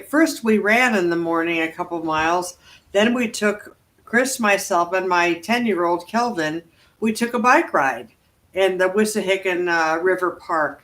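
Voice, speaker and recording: A woman's voice: on the low side, fairly bright tone. A woman co-leading a worship service, chatting casually and cheerfully to listeners. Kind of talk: casual chat to a congregation.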